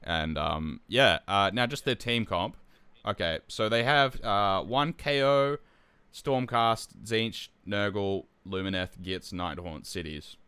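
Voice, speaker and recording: A young man hosting a live stream as tournament organizer, chatting casually and relaxed, with lots of ums and restarts. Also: on the low side, slow pace, clean tone, dry recording. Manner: relaxed, with frequent fillers and restarts.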